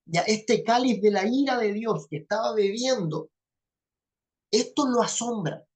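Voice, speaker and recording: A woman leads a Bible class in an even lecturing voice. She checks often that her listeners are following. She repeats key phrases to stress a point. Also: a little high, measured pace. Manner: checks understanding with frequent "¿ya?". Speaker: Bible teacher.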